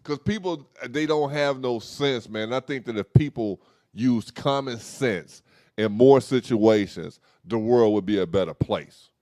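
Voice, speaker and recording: A young man co-hosting a casual talk show, talking in loose slang and telling animated stories. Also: medium pitch, a little slow, no echo, studio quality. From Dallas, Texas. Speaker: host. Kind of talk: casual podcast chat.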